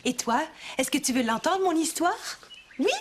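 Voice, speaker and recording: A woman with a Quebec French accent reading a children's story aloud as a mother, with animated expression, in a kids' cartoon. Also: high-pitched, normal speed, heavy background noise.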